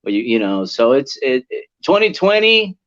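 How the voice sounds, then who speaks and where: Over lo-fi video call audio, an actor raised near Atlanta after being born in Puerto Rico is a guest in a casual interview chat. He talks at normal speed with a medium-pitched voice, chatty and relaxed, quick to laugh.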